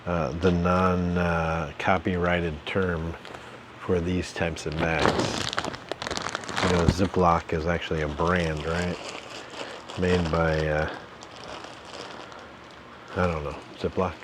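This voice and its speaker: A man's voice: low-pitched, flat delivery, slow pace, long pauses, very noisy. A man, hosting a casual home vlog, rambling in a folksy, jokey way with lots of fillers. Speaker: channel host, reseller. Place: home basement.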